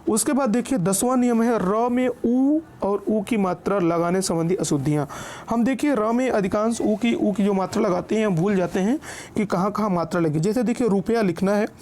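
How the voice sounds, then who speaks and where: A man teaching a lesson, patiently explaining spelling rules, drawing out example words slowly and checking in often with his listeners. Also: high-pitched, a little mellow.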